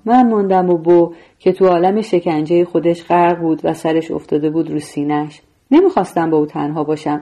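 A woman narrating a novel in a steady, measured reading voice. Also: on the low side. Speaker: audiobook narrator. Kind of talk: scripted storytelling narration.

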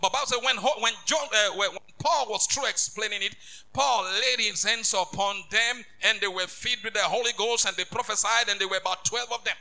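Brief: bishop preaching, very high and sharp voice, emphatic, repeats himself, builds to shouts. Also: male voice, fairly quick, faint music behind, low-quality recording. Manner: emphatic, repetitive, rising to shouts. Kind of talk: sermon.

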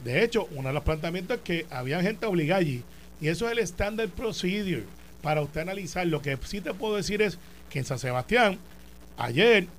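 A man with a Puerto Rican accent debating politics, argumentative and quick to push his own point. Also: high-pitched, lively intonation, slight background noise. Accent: Puerto Rican Spanish. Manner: rapid, argumentative, cuts in. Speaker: senator, political commentator.

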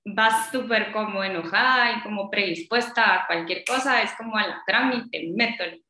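A woman's voice: medium pitch, normal speed, pushed and bright, slight background noise. Chatty Guatemalan woman in an echoey room. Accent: Guatemalan Spanish. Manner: chatty, tags phrases with "¿va?" and laughs often. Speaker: podcast co-host. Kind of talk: casual chat.

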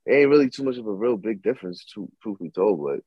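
A man's voice: lowish voice, expressive, fast talker, husky, no room sound, muffled recording. A young man chatting casually, laid-back and musing, with slangy speech. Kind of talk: casual chat.

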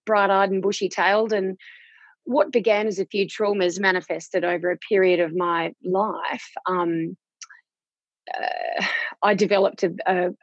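Husky Australian woman, frank and chatty. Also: mid-range voice, steady tone, unhurried, no echo, lo-fi sound. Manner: frank and chatty, with casual Aussie slang. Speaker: guest. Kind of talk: candid personal interview.

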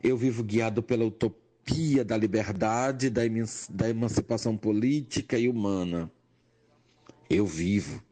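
Older Pernambucan man, nurse-educator; slow, measured testimony with rising emphasis. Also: lowish voice, mellow. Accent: Pernambuco Portuguese. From Brazil, Pernambuco. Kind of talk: personal testimony monologue.

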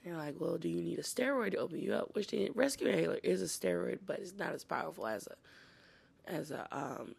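Hoarse woman with a gravelly smoker's rasp. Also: lowish voice, big pitch swings, a little fast. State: sick, congested and wheezy, coughing and throat-clearing. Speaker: podcast host. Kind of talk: casual personal update.

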